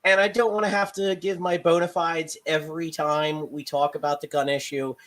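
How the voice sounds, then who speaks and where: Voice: mid-range voice, little pitch movement, normal speed. A podcast co-host talking in a wry, profane, rambling way in casual opinionated chat.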